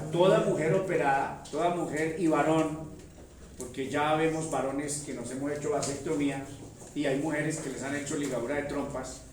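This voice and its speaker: A man teaching a church Bible seminar in a conversational way, often asking his listeners rhetorical questions and calling them affectionately. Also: fairly high pitch. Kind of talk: classroom-style Bible teaching. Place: church hall. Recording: very echoey hall, voice from far off.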